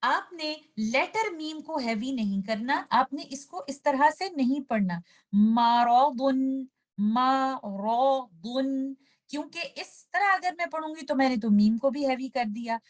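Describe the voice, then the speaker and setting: A woman with an Urdu accent teaching Tajweed, patiently explaining each rule and then slowly reciting the example words. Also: high-pitched, expressive. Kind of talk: step-by-step recitation lesson.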